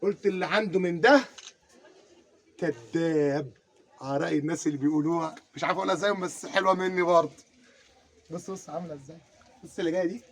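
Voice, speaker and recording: Fast-talking Egyptian carpet seller man. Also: fairly high pitch. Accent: Egyptian Arabic. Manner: repeats urgent calls to look, hawking patter. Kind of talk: energetic sales pitch. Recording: noisy background.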